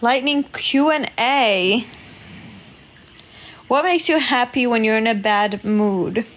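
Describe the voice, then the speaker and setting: Hosting a laid-back livestream, a woman from Poland reads out comments, thanks her viewers and laughs a lot. She speaks slowly in a fairly high, fairly bright voice.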